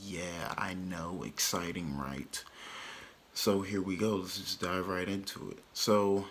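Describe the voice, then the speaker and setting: A man's voice: sits low, fairly even intonation, takes it slowly, fairly bright tone, a little hiss or hum. A young man from Texas telling a casual story to his vlog audience, rambling and filling his sentences with "like". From Texas, USA. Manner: rambling, lots of "like" fillers. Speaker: vlogger.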